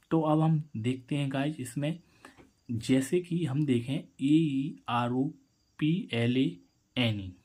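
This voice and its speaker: A man teaching English pronunciation in Hindi, in a slow and repetitive way, quizzing his viewers. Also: fairly high pitch, a little mellow. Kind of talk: Hindi-medium pronunciation lesson.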